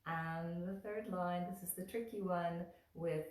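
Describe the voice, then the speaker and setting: A woman teaching mantra chanting in a gentle spoken lesson, leading call-and-response lines that she draws out in song. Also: fairly low pitch, fairly even intonation, slight background noise. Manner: soft, unhurried teaching, lifting into drawn-out sung chant lines. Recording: roomy echo, voice heard from a distance.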